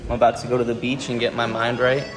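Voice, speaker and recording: A man speaks in a casual, motivational vlog style, as if talking straight to his followers. His voice sits at a medium pitch. Loud music plays along with his voice. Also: little pitch movement, fast, rough recording. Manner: addresses viewers as "guys". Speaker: vlogger and day trader.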